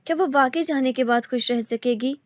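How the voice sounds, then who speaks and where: A woman reading a romantic novel aloud in steady scripted narration. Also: high-pitched, no echo, clean studio sound.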